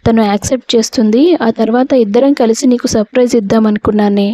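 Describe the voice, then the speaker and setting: A woman's voice: on the high side, steady tone, fast, warm tone, close to an everyday voice. Woman voicing a heartbroken young man. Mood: hurt. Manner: aggrieved, bitter complaining. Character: young man, heartbroken office team leader.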